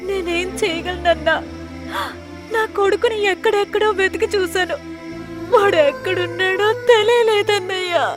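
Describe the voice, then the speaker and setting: A woman's voice: very high-pitched, normal speed. An actress playing a poor maid and mother who pleads tearfully with her employers. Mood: pleading. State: crying. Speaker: servant and mother. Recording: film soundtrack with loud music.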